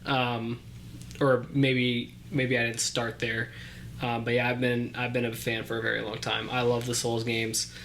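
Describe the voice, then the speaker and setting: Young male co-host, dry deadpan humor, level mid-pitched voice. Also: measured pace, vocal fry, slight background noise. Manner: dry deadpan sarcasm, many ums. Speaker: podcast co-host. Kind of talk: casual podcast chat.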